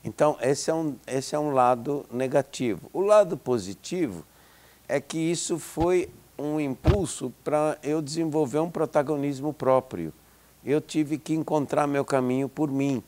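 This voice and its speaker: Speaking unhurriedly in a fairly high, slightly mellow voice, a man in his seventies reflects during an interview. He is a psychology professor from Israel whose first language is Hebrew, and his hesitant delivery is full of restarts and fillers. Slight background noise is audible.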